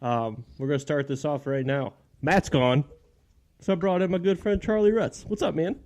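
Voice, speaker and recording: A man's voice: on the high side, moderate pace, darkish tone. A man from Michigan hosting a casual podcast from his basement, laughing often and bantering with his guest. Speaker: podcast host. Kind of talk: casual chat. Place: home basement. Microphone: studio microphone.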